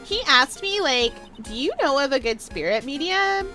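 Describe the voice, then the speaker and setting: A woman's voice: high-pitched, expressive, normal speed, sharp tone, soft background music. A woman voicing a ditzy, bubbly sorority-girl college student in a video game, with a Valley Girl accent and statements that lilt like questions. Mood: chatty. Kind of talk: video game voice-over read-aloud.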